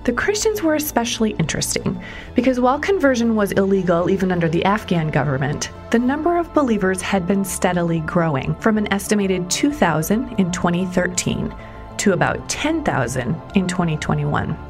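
A woman reporter narrating a documentary story in a measured storytelling way, sometimes stressing questions. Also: mid-range voice, lively intonation. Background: music underneath.

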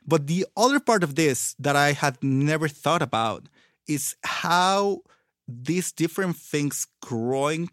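A man's voice: medium pitch, a bit bright, no echo. Mexican-accented man explaining in Spanglish-tinged English, close and dry. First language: Spanish. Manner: Spanglish, English with Spanish-influenced words and pronunciation. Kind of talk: casual conversational explanation.

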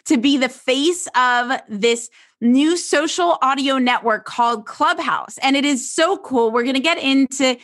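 A woman hosting a podcast in casual chat, bubbly and excitable, often calling things crazy. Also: high-pitched, measured pace. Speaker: podcast host.

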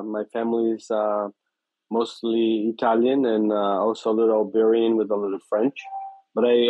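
A man's voice: on the low side, mellow, no echo. A man in his fifties from Brazil with a Brazilian Portuguese accent, a chef and restaurant owner being interviewed, speaking hesitantly with many fillers. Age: 50s. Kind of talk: casual interview. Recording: dry, slightly dull sound.

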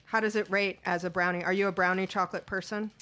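A woman's voice: medium pitch, steady tone, fast talker, pushed and bright, a little hiss or hum. A woman hosting a weekly radio talk show, chatty and joking, talking with her mouth full at times. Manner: chatty, jokey, talks while eating. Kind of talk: casual radio interview. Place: radio studio.

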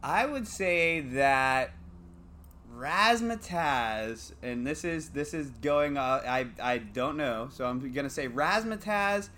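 A man's voice: on the high side, animated, slow pace, bright, forceful tone, slight background noise. A man as a podcast guest, chatting in a laid-back, self-deprecating way. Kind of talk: casual podcast chat.

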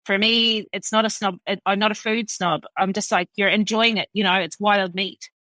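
A woman chef talks in a bright, forward voice on a dry close mic. She rambles in an animated way, leaning on filler words and casual swearing. It sounds like a relaxed podcast chat. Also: medium pitch, moderate pace, no room sound, low-quality recording. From New Zealand.

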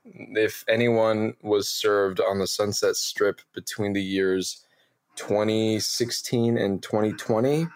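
A man in his twenties, a guest telling animated, self-mocking stories with many fillers over a video call. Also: on the low side. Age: 20s. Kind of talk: casual interview storytelling.

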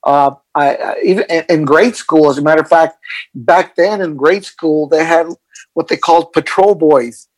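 Answering interview questions as a guest, this mindfulness coach for athletes, a middle-aged El Paso, Texas native, fills his speech with fillers and frequent restarts. He talks at a normal speed in a slightly high voice, and the recording is dry.

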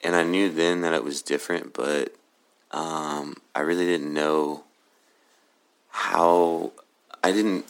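Super deep magnetic guy voice, gravelly, laid-back and halting, casual podcast guest from oklahoma. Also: fairly even intonation. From Oklahoma City, USA. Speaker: podcast guest, cannabis grower. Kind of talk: casual interview answers.

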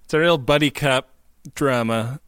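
A man's voice: mid-range voice, normal speed, a bit bright, smooth, no echo. A man co-hosting a podcast, chatting casually and jokingly about a TV episode, laughing often. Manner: joking, laughs often, retells scenes with playful voices. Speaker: podcast co-host. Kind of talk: casual chat recapping a TV episode.

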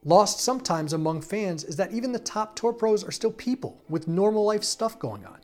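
A man reporting a news feature in a measured, scripted narration. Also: sits high, very animated, a little mellow, soft background music.

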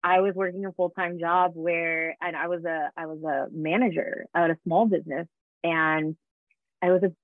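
A woman's voice: on the low side, fairly even intonation, moderate pace, no room sound. Chatty woman on a tinny line. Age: 30s. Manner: chatty, laughing, many fillers. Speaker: guest, fitness business founder. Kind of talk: casual interview storytelling.

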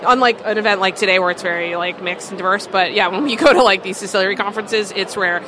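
A woman's voice: medium pitch, fast talker. Chatty woman in a noisy market. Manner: chatty, full of "like" and "um" fillers. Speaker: distillery co-owner. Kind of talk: casual interview answers. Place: busy food market.

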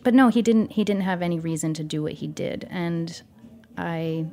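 A woman in her thirties, appearing as a guest on an interview podcast, tells her story in a casual, thoughtful way with many fillers. Her voice is lowish and dark, and she keeps a moderate pace.

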